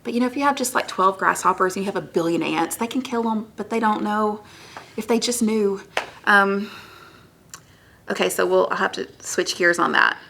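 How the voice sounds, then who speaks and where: A woman telling a history story as a lesson in an animated, chatty way, full of asides. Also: mid-range voice, normal speed, vocal fry, slight background noise. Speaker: history teacher.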